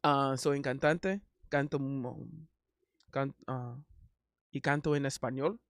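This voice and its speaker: Speaking slowly in a gravelly, mid-range voice with a steady tone, this man hosts a casual livestream and sings. Born in Miami to a Haitian family and a native English speaker, he chats with hesitant ums and moves between Spanish and English. The studio sound is clean with no room sound.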